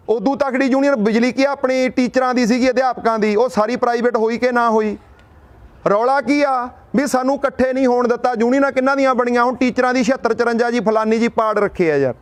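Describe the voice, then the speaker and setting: A young man addressing a gathering in a rousing speech, asking and answering his own rhetorical questions and telling a folk tale. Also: very high voice. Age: young adult.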